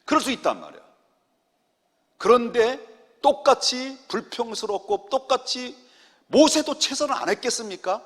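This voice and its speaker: A middle-aged man, a senior pastor, preaching a lively sermon and joking with his congregation. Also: very high-pitched, moderate pace, long pauses. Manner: animated, jokes with the congregation, acts out quotes. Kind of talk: lively Friday prayer-meeting sermon. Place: church sanctuary. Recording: long church hall reverb.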